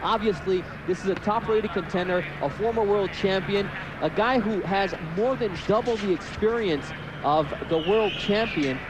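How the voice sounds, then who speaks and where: Male fight analyst, high register, live ringside commentary with clear background noise. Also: moderate pace. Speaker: boxing color analyst. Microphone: ringside broadcast microphone.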